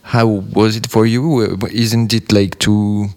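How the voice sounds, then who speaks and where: Hesitant low-voiced male radio interviewer. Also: little pitch movement, takes it slowly, a little mellow. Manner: hesitant, many fillers and restarts, curious.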